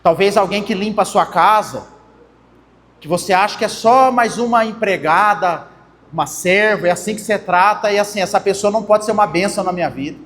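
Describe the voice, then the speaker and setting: A young pastor's voice sits high and a bit bright, fairly quick, as he preaches a conversational sermon with a Brazilian Portuguese accent, addressing everyone as brothers. Long reverb from the church hall surrounds him.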